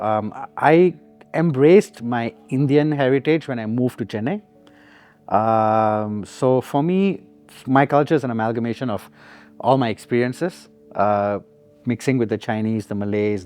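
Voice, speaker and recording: A laid-back Singaporean musician, a guest in a relaxed interview, reflects easily and laughs often. His voice is medium-pitched and darkish, at a measured pace, with faint music behind.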